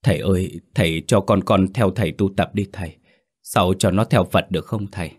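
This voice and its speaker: Man doing a grieving mother, tearful, pleading, remorseful, deep voice, ghost story. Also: a little fast, husky. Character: grief-stricken remorseful mother.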